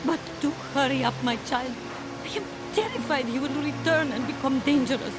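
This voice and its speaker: A woman's voice: high-pitched, normal speed, over loud music, close to an everyday voice. A woman playing an anxious, motherly elderly grand lady in a video game, theatrical and fretful. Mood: frightened, pleading. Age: older.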